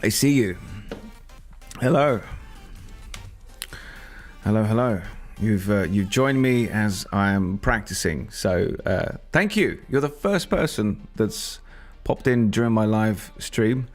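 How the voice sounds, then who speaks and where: A man's voice: fairly low pitch, expressive, unhurried, few pauses, faint music behind. A man thinking aloud and rambling as he codes on a casual live stream. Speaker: software developer live-streaming.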